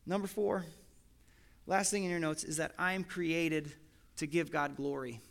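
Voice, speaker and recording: A middle-aged male pastor preaching a sermon, telling a family story with lively quoted dialogue. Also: on the high side, measured pace, creaky. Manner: animated storytelling, quotes his son and God in lively asides.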